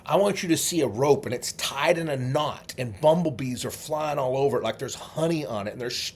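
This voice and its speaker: A middle-aged man, a memory trainer, leading a guided memory exercise, coaching the listener through vivid images with slow, drawn-out repetition. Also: medium pitch, a little hiss or hum. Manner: slow, drawn-out repetition with sudden loud "ta-da" bursts; vivid, coaxing visualization instructions.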